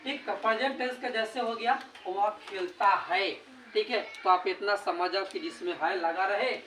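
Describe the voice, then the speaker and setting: A man's voice: sits high, moderate pace, pushed and bright. A male teacher with a Bihari Hindi accent giving a grammar lesson, asking his own questions and answering them. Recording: echoey room, distant mic, background noise.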